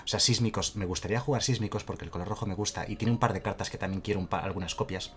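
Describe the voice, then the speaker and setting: A man's voice: low-pitched, rapid-fire. A man streaming a card game live, chatting casually, greeting viewers by name and laughing often.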